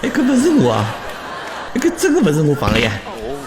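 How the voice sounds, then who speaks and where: A man with a Shanghai accent playing flustered, exasperated men in a farcical comedy sketch, animated and exclamatory. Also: fairly high pitch, brisk, a loud crowd, heavy background noise. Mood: frantic. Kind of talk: exaggerated comic sketch dubbing in Shanghai dialect.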